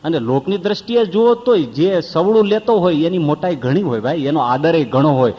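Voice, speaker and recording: A monk preaches in a fairly high voice, telling stories and asking his listeners rhetorical questions. His voice carries a long hall reverb. The recording sounds dull and lo-fi. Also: lively intonation, normal speed. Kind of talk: sermon.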